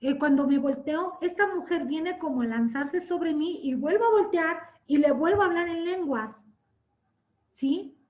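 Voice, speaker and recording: High-voiced woman teaching a church class. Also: unhurried. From Latin America. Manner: asks "¿sí?" to check understanding; tells stories with lively acted quotes. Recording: dull lo-fi sound.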